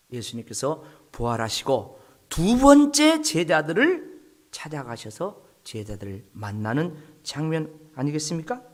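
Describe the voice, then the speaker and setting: A man's voice: a little high, a bit bright. A male pastor preaching a sermon, telling the story dramatically and dropping at times to whispers.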